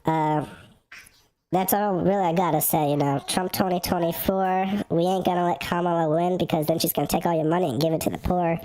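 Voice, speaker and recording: A male livestream host talking through a voice changer that pitches his voice up, rambling casually with fillers and restarts. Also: mellow, low-quality recording. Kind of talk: casual political livestream talk.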